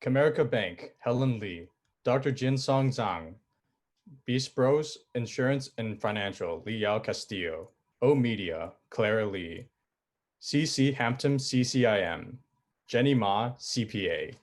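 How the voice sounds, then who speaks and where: A man's voice: medium pitch, animated, measured pace. A man working as ceremony announcer reads out a list of sponsors and names the keynote speakers in a plain, list-like way.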